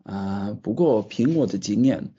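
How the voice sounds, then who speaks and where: A man, a foreigner and native English speaker, speaking halting Mandarin with a foreign accent as a student in a casual interview. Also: lowish voice, animated, warm tone, muffled recording, a little hiss or hum. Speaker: language student being interviewed. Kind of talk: casual interview in a second language.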